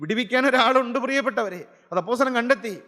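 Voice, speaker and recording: A man's voice: very high-pitched, fast, pushed and bright, big-room sound. A male preacher delivering an impassioned gospel sermon, firing off rhetorical questions and repeated phrases.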